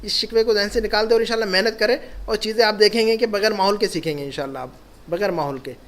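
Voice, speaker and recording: High-voiced man teaching a class. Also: a bit bright. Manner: encouraging, repeats key points. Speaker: Arabic teacher. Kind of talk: classroom lesson.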